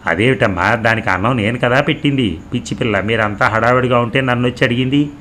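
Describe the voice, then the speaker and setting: A man's voice: mid-range voice, quick pace, a bit bright, slight background noise, close to an everyday voice. A man voicing a caring, worried young father in a storybook reading. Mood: puzzled. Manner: anxious, caring.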